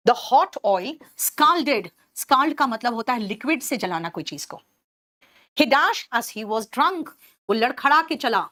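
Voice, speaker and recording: A woman as a brisk, motherly teacher, fairly high voice, dry close sound, live online class. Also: expressive, fairly bright tone, dry recording. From Bihar, India. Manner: brisk and motherly, calls students 'beta' and answers chat questions; explains English words in Hindi, switching between the two. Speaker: English teacher.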